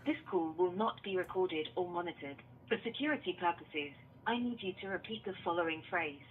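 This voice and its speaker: A woman's voice on an automated phone menu message, reading measured, formal prompts over a phone line. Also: on the low side, lively intonation, slight background noise.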